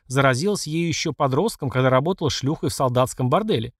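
A man's voice: mid-range voice, expressive, fast talker, no room sound, studio quality, natural voice. A man voicing a scandalized military adjutant who speaks overly politely and insistently. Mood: indignant. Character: stiff, scandalized male adjutant.

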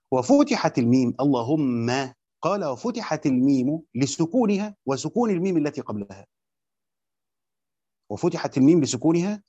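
A man's voice: on the high side, darkish tone, dry recording. Egyptian man teaching grammar, dry close sound. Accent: Egyptian Arabic. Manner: reads a passage aloud, then explains it in colloquial speech; hesitant, with frequent fillers and restarts. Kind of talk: grammar lesson on a classical text. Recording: dull, muffled sound.

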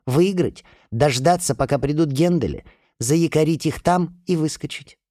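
A man voicing an assertive, level-headed young woman who lays out plans in a brisk, insistent way. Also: on the high side, mellow, no echo, studio quality, pitched above the performer's own voice, close to an everyday voice.

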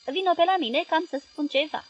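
A woman reading the part of a moody young woman who speaks with cool, quiet irony. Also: high-pitched, highs cut off, pitched above the performer's own voice, lightly acted.

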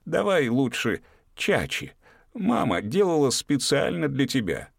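A man voicing a boastful, flirtatious grown man with a wheedling, lively way of talking. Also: mid-range voice, unhurried, creaky, husky, dry recording, studio quality, voice pushed up, heavily acted. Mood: coaxing.

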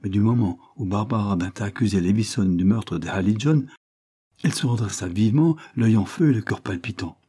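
A man narrating a classic novel as an audiobook in a measured, dramatic storytelling manner. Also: fairly low pitch, dark tone, husky. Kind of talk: scripted narration.

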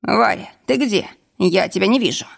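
A woman's voice: medium pitch, normal speed, vocal fry. A woman voicing a tipsy, clumsy young man stuck up a tree, complaining ruefully, in an audiobook.

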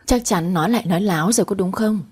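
Old man, stern grandfather and doting husband in a spoken story, read by a woman; breathy, mellow. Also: medium pitch, quick pace, close to an everyday voice. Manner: scolding toward granddaughter, tender toward wife.

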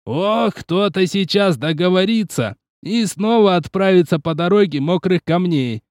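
A man's voice: sits high, animated, unhurried, no echo, pitched above the performer's own voice. A man voicing a stern male martial arts teacher in an audiobook, with a dry voice and curt, teasing commands. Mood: teasing threat.

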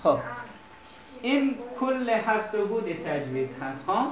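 A man teaching Quran recitation, dictating slowly and repeating each phrase for students to copy. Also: sits high, big pitch swings, recorded from a distance. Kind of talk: dictating a lesson. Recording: echoey room with class chatter.

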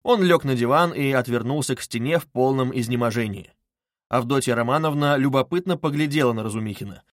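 A man narrating an audiobook of a classic novel in a measured, literary manner. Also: mid-range voice, no echo, clean studio sound.

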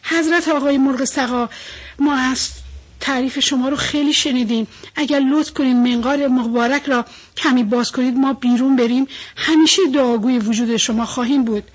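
Timid little fish begging, high husky voice, woman reading it out. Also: steady tone. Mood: pleading. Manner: pleading, whiny. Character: frightened crowd of tiny fish.

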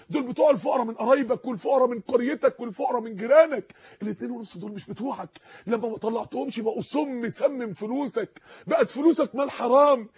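A man's voice: very high voice, husky, muffled recording. A man with an Egyptian accent preaching a sermon in a studio, impassioned and pleading, repeating phrases for emphasis. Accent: Egyptian Arabic.

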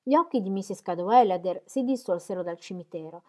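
A woman narrating a classic novel as an audiobook, reading in a measured, expressive way. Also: medium pitch. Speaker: audiobook reader.

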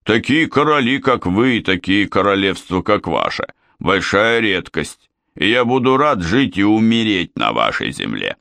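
Man voicing a courteous puffin gentleman. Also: fairly low pitch, sing-song, unhurried, vocal fry, no echo, exaggerated voice. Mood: courtly. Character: courteous male puffin, the narrator's friend.

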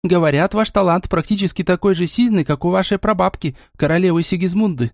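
A man's voice: sits high, fairly quick, a little mellow, dry recording, studio quality, voice pushed up. A man doing a bubbly teenage girl. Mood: curious. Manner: teasing, bubbly. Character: lively teenage girl, cheeky sister.

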